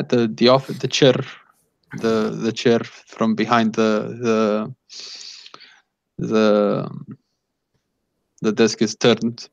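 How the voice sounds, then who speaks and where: Male game master, low voice, improvising unhurriedly and haltingly; slightly muffled lo-fi audio. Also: creaky. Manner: halting, searching for words. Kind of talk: improvised narration of a tabletop game. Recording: echoey room, dull lo-fi sound.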